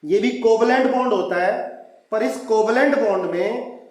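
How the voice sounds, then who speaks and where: A high-voiced man teaches a chemistry lesson in a strongly echoing room. He speaks Hindi mixed with English terms, calls his students "beta" and drags out key terms to stress them. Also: normal speed, darkish tone. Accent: Hindi-English mix. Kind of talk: online class lecture.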